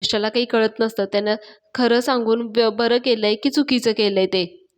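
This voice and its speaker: A woman's voice: a little high, steady tone, moderate pace. A woman hosting a TV serial review, recapping an episode in a chatty storytelling way. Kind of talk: casual episode recap narration.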